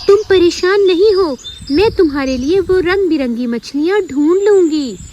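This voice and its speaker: A woman voicing a kind, brave young princess who talks quickly and comforts her friend. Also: extremely high pitch, lively intonation, dark tone, highs cut off, a little hiss or hum, pitched above the performer's own voice. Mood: eager.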